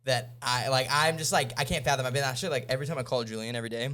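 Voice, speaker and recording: A man co-hosting a podcast in casual chat, excitable and rambling with lots of fillers. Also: mid-range voice, racing, slight background noise. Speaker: podcast co-host.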